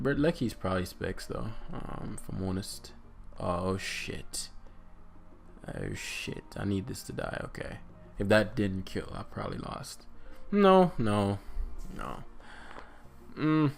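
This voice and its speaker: A man's voice: deep voice, creaky. A man giving casual live commentary on his own competitive game, thinking aloud and muttering with lots of fillers.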